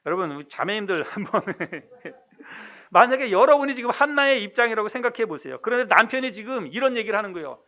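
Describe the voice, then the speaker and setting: High-voiced man preaching, lo-fi. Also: animated, sharp tone. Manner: conversational preaching with rhetorical questions; reads scripture slowly and deliberately. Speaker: pastor. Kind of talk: sermon.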